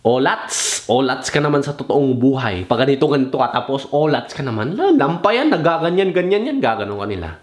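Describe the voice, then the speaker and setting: A man's voice: medium pitch, sing-song, a little fast, hardly any pauses. A young man vlogging casual advice, mixing Tagalog and English, swearing freely, rambling and losing his thread. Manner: mixes Tagalog and English, swears casually, mimics other people; rambling and loose, loses his train of thought.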